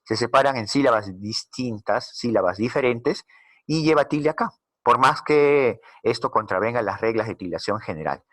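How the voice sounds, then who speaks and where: A man teaching a recorded slide lesson, patiently explaining and slowly repeating key words. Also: mid-range voice, lively intonation, fairly bright tone, dry recording.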